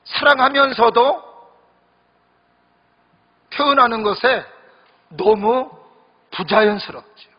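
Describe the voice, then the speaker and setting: Taking it slowly with frequent pauses, this pastor speaks in an extremely high, husky voice. He preaches a conversational, joking sermon straight to his congregation at a worship service, recorded in an echoey hall with dull lo-fi sound.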